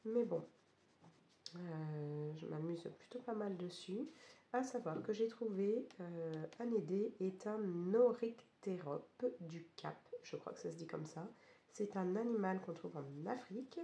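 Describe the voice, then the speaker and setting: A woman chats casually for a colouring vlog in a hoarse, broken, gravelly voice. Her tone is soft-edged and mellow rather than bright. She is recorded in an echoey room. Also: lowish voice, measured pace. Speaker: craft vlogger. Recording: roomy echo, faint background noise.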